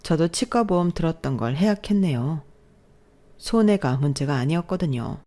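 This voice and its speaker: A woman's voice: low-pitched, expressive, moderate pace, mellow. Woman narrating a story. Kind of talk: scripted first-person story narration.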